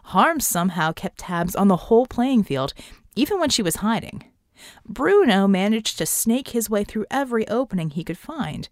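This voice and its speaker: A woman's voice: mid-range voice, big pitch swings, moderate pace, no room sound, natural voice. A brash male genie, voiced by a woman narrator talks in loose, joking slang. He is cocky and teasing. The recording is dry and close.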